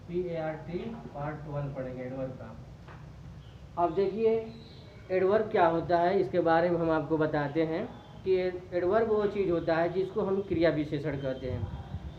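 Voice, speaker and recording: A woman teacher with a Hindi accent giving a grammar lesson, explaining slowly with many restarts and repetitions. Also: lowish voice, a little hiss or hum. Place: classroom. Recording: echoey, dull room recording.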